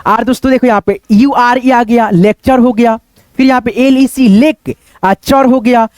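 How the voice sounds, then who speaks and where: A man with an extremely high, steady voice, a little mellow, speaks at normal speed in a dry recording. He gives a spoken English lesson on pronunciation rules, treating viewers as friends, asking and answering his own questions and often repeating phrases.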